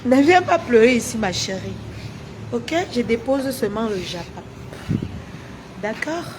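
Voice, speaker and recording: A woman's voice: fairly high pitch, big pitch swings, a little slow, noisy background. A woman on a casual livestream, taunting her rivals with repeated rhetorical questions. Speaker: social media livestreamer.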